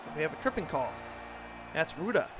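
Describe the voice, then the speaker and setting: A man does an amateur announcer impression, calling hockey play-by-play in short, clipped phrases. His voice is a little high, very animated, and fairly quick, and the recording is clearly noisy with ambient background sound.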